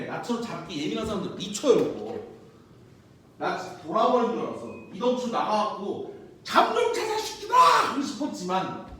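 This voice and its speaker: A young man teaching physics in a loud, joking, slangy way, his high voice swinging up and down as he tells stories. He sounds a fair way from the mic. The classroom rings with heavy echo. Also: a little hiss or hum. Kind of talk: lecture. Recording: very echoey room, mic far off.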